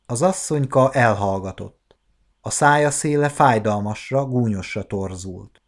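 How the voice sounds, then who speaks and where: A man in his forties narrating a classic novella as an audiobook, measured and expressive. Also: mid-range voice. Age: 40s. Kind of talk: scripted literary narration.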